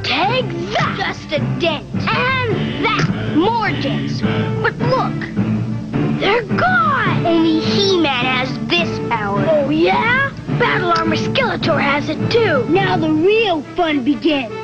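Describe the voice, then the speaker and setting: A woman playing an excitable child battling with action figures in a vintage toy commercial, exclaiming dramatically, on a dull old recording with music. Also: very high-pitched, slow, heavily acted. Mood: excited, combative. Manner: exclamatory, dramatic play-acting.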